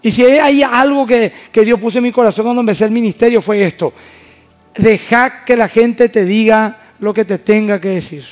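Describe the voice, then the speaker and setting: A man's voice: high voice, moderate pace, faint music behind. A man with a Paraguayan Spanish accent, preaching a sermon as pastor in an emphatic way, often asking the congregation questions. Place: church service.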